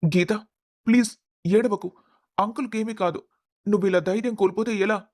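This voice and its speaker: A man voicing a caring young man in a storybook, calming a crying friend. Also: high-pitched, quick pace, no room sound. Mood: reassuring. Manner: calm, reassuring. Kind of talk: storybook voice acting.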